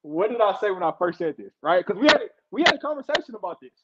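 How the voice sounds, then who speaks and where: A man with a somewhat high voice breaks down football as a guest on a sports talk show. He explains insistently and repeats himself to make his point. His audio comes through dull and lo-fi. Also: big pitch swings, racing, heavy background noise.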